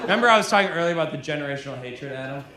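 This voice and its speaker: A man's voice: a little high, expressive, very fast, noisy background. A young man doing a stand-up comedy set in a club, giggling through his jokes and sounding loose and a bit tipsy. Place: comedy club stage with a laughing crowd. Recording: roomy club sound with crowd ambience.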